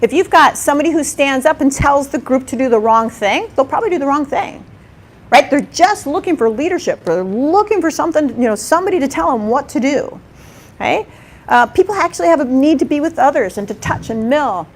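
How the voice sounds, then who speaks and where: A woman with a slightly high voice presents at a live workshop. She talks in a loose, conversational way, acts out little quoted exchanges and keeps checking in with her listeners by asking "okay?" and "right?". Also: animated, a little fast. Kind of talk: live conference talk. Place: lecture room at a workshop.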